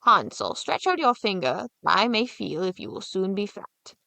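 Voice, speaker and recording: A woman's voice: mid-range voice, big pitch swings, moderate pace, gravelly, pushed and bright, no echo, heavily acted. A woman voicing a cruel, greedy old witch in a storybook reading, with a mocking, commanding manner.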